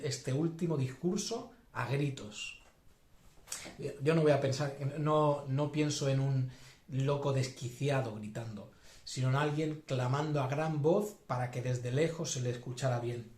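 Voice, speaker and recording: A man's voice: mid-range voice, darkish tone. A man preaching a sermon as pastor, thinking aloud with many fillers and restarts. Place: church hall. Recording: echoey church hall.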